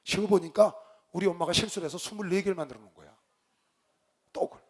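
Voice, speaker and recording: A male pastor preaching, telling a story with lively swings between loud outbursts and quiet low asides. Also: quick pace. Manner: animated storyteller, shouts quoted lines, drops to low asides. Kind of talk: sermon with storytelling.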